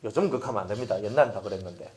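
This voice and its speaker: A man preaching a sermon, folksy and animated, acting out little scenes and having the congregation repeat after him. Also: lowish voice, very fast. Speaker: pastor.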